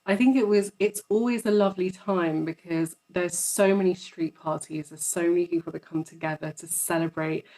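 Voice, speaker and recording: Woman, 30s, interview guest, chatty storyteller, lowish voice. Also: normal speed, hardly any pauses, warm tone, low-quality recording. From London, England. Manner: chatty, storytelling, repeats words for emphasis. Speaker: psychologist guest. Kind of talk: casual interview conversation.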